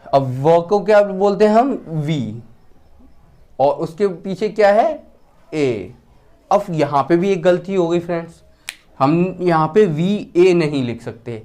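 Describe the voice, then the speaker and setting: A man teaching a lesson. He asks questions, answers them himself, and repeats the key words slowly with a falling pitch. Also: expressive, mellow. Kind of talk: classroom-style lesson.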